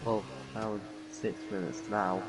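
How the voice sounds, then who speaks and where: A man's voice: on the low side, level tone, normal speed, background noise. Man on chatty race commentary. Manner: chatty, joking with co-host. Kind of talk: casual online racing commentary.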